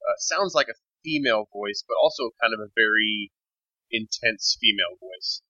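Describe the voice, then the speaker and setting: A game master narrating a tabletop game in a relaxed, easygoing way. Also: mid-range voice, moderate pace, dry recording, highs cut off.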